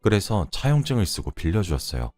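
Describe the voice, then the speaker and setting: A man reading a first-person story aloud in a conversational, lively way. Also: sits low, a little fast, no echo, studio quality, faint music behind.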